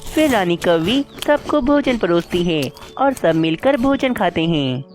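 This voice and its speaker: A woman's voice: lowish voice, measured pace. Lady telling a cartoon story, bouncy tone, music in the back. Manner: lively, storybook. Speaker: narrator.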